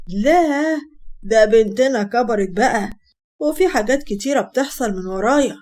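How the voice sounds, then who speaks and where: A woman's voice: on the high side, expressive, normal speed, darkish tone, natural voice. A woman voicing a teasing, protective young older brother, with an Egyptian Arabic accent and an affectionate bantering manner.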